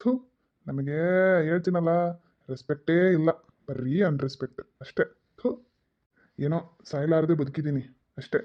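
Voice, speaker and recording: A man's voice: a little high, steady tone, moderate pace, pauses often, lo-fi sound, natural voice. A man voicing a joking, henpecked village father in a cartoon, whining and pleading with his wife. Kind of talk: cartoon voice acting.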